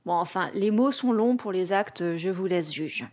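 A woman's voice: on the low side, lively intonation, unhurried, darkish tone. A woman from France hosting a podcast, reading a scripted, playful commentary in punchy rhythmic lists. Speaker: podcast host. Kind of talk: scripted comic narration.

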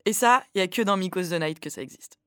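A woman's voice: lowish voice, fast talker, pushed and bright, smooth, no room sound, studio quality. Playful, giggly woman co-host. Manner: playful, giggly, teasing quiz delivery. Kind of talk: casual radio chat.

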